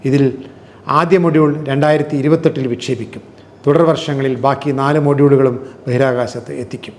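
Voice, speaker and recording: A man's voice: mid-range voice, fairly quick. Man narrating a fact-packed explainer. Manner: steady, fact-by-fact delivery of figures and dates. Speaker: narrator of a quiz-prep explainer. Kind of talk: scripted narration.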